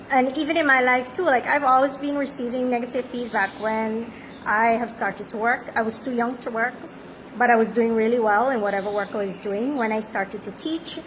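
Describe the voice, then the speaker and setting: A woman's voice: on the high side, slight background noise, poor audio. A woman in her thirties, a life coach, speaking in a confident, self-affirming motivational monologue. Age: 30s.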